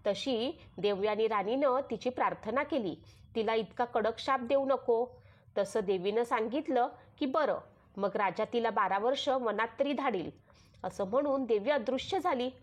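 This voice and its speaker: A woman with a Marathi accent narrates a traditional devotional story. Her voice sits a little higher than most women's. She keeps a steady, sing-song storytelling rhythm and voices the quoted dialogue inside it. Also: moderate pace, dull audio.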